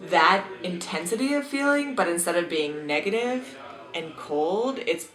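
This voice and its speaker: A woman's voice: on the low side, unhurried. A young woman from Alaska answering interview questions casually and animatedly, swearing freely. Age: young adult. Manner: animated, swearing, acts out loud voices. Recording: echoey room with crowd behind.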